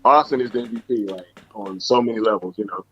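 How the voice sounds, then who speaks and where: A man's voice: on the low side, quick pace. A man hosting a casual live stream chat, talking in a laid-back, slangy way full of fillers. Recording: dull lo-fi stream audio.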